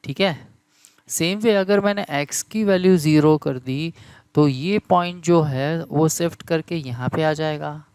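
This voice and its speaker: Slow, gravelly-voiced math teacher. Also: male voice, a little high, darkish tone, dry recording. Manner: repeats key terms and asks the class questions to check understanding; slow, deliberate delivery. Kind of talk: classroom lecture in Hindi mixed with English terms.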